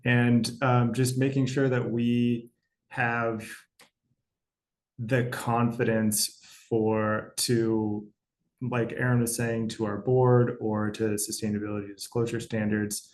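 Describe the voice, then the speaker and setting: Slow, flat-voiced gravelly man. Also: mid-range voice, poor audio. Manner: slow, deliberate, with pauses. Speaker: corporate panelist. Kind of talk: webinar panel answer. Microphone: video call.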